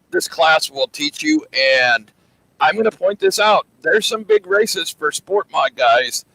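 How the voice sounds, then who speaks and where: A man's voice: on the high side, gravelly, no room sound, poor audio. A man hosting a casual racing chat, telling stories and acting out quoted lines. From western United States. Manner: animated storyteller, acts out quotes. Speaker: host.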